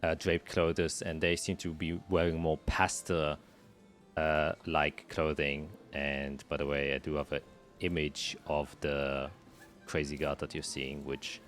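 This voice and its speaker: A man narrating as game master of a tabletop game, describing scenes with many pauses and fillers. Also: a bass voice, flat delivery, fairly bright tone, soft background music. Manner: hesitant, filler-heavy describing.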